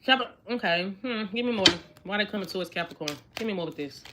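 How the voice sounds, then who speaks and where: A woman's voice: mid-range voice, expressive, fast. A woman in her twenties doing a casual tarot reading, chatty and repetitive, talking straight to her viewers. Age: 20s. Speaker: tarot reader. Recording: card shuffling noise clearly audible. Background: shuffling cards and clicks.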